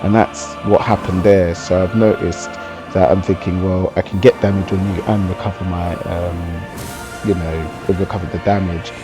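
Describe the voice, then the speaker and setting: A man with a low voice talks through gameplay in a casual, explanatory style. He chats conversationally as he breaks things down, with music playing clearly behind him. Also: fairly even intonation, normal speed. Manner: explanatory and conversational, often tagging on "you know". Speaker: gaming video commentator. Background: music under the voice.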